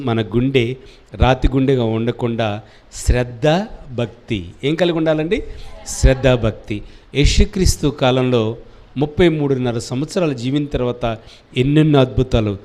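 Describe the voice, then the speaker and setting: A pastor preaching a sermon with call-and-response and sudden loud cries. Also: male voice, mid-range voice. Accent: Telugu.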